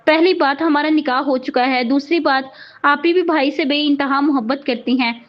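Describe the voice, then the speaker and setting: A woman's voice: high-pitched, normal speed, dull audio, close to an everyday voice. A woman reading the lines of a playful young husband who teases his new bride. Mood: teasing. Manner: teasing.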